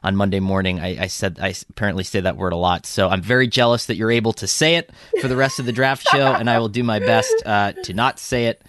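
A man's voice: on the low side, fast, hardly any pauses, fairly bright tone, slight background noise. A man co-hosting a sports podcast in a loose, rambling way, with frequent restarts. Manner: rambling, lots of ums and restarts. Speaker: podcast co-host. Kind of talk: casual sports podcast chat.

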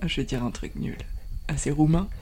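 A woman's voice: deep voice, animated, fairly quick, warm tone, husky. A woman taking part as a guest, hesitant and self-mocking as she guesses.

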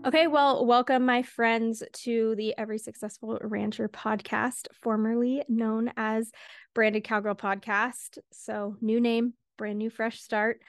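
Woman podcast host, casual and chatty, a touch out of breath, higher voice, dry close sound. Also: level tone, no room sound, faint music behind. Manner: chatty, quick, laughs between words. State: a little out of breath. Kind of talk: casual solo podcast chat.

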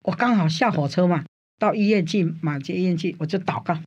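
An older woman from Taiwan, a guest in an interview telling her faith story in an animated way, often using the filler sounds "hā" and "āi". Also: brisk, slightly rough, dull audio. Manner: animated storyteller, frequent "hā" and "āi" fillers, rising pitch in tense moments. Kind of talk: personal faith testimony in an interview.

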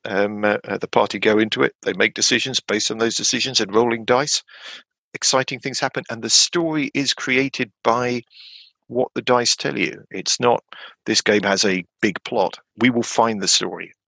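An excitable man, a podcast guest, chats enthusiastically about tabletop games in gravelly, fry-edged bursts at a moderate pace. He rambles, often stumbles and restarts, and his pitch jumps up when he gets keen. The recording is close, dry, and rough, with no room sound.

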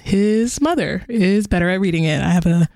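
A podcast co-host from the northern United States who chats casually, laughs easily and pokes fun at themself. They lean on fillers and let sentences trail off. The voice has a middling pitch, recorded close and dry. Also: expressive, normal speed, creaky, darkish tone, no room sound.

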